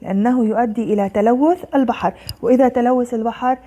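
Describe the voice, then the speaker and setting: Gentle sing-song woman teacher. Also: fairly high pitch. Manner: slow, sing-song questioning then answering herself. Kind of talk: online language lesson for young children.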